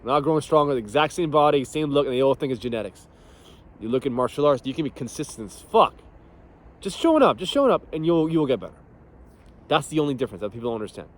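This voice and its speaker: A young male fitness coach talking in a loose, profane, motivational way. He is blunt and laughs easily, and his voice sits at an ordinary middle pitch. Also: lively intonation, fast. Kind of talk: casual motivational talk.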